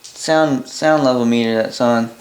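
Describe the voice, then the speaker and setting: A Canadian hobbyist with a mid-range voice demonstrates a vintage boombox at a workbench by a window in an indoor room, speaking unscripted and haltingly as he thinks aloud. A camera mic a short distance away captures roomy audio with noise and clicks.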